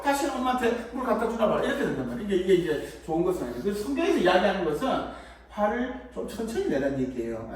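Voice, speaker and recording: A man giving a children's sermon at a church, playful and acting out little scenes, picked up from a distance in a church hall. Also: high voice. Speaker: children's preacher. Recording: echoey room, mic far off.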